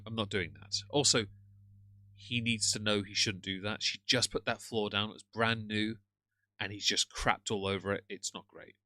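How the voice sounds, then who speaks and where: A British-accented man hosts a casual live stream, reacting to another streamer with sarcastic rants and greetings to chat viewers. His voice sits on the low side with a sharp tone, and the recording is dry.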